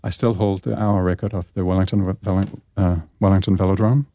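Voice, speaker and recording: Low, dark-voiced man. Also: fairly quick, no echo. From Denmark. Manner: relaxed, chatty, repeats words as he goes. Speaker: guest, orchestral percussionist. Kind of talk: casual radio interview chat.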